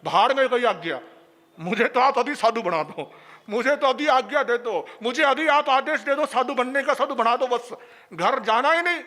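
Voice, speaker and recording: A man doing an eager man, insistent, urgent, bright and tense, long reverb. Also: extremely high pitch, expressive, normal speed, heavily acted. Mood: pleading. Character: eager impatient man begging to become a monk.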